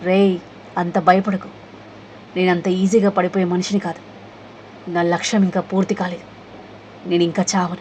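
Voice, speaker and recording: A bloodied young gang leader refuses to fall, his words coming weak, slow and steady, as a woman reads him in a storybook. The voice sits a little lower than the narration, with faint hiss behind it. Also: natural voice. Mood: weak defiance. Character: wounded fierce young male gang leader.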